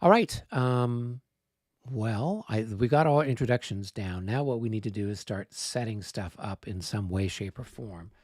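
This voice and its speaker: A man's voice: lowish voice, animated, measured pace, a little mellow, dry recording, clean studio sound. A man hosting a livestream of a tabletop wargame, chatting casually and laughing often. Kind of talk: casual chat.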